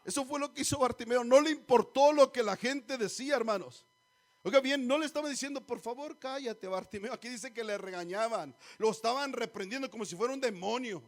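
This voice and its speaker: A man's voice: very high voice, fairly quick. A man preaching a sermon in church, exhorting the congregation, often calling them brothers and asking them rhetorical questions. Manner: exhorting, often calls listeners "hermanos", asks rhetorical questions.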